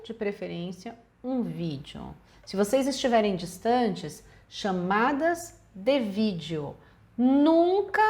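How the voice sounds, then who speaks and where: A woman psychologist with a Brazilian accent giving relationship advice in a direct, emphatic way, speaking straight to viewers. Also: a little high. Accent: Brazilian Portuguese.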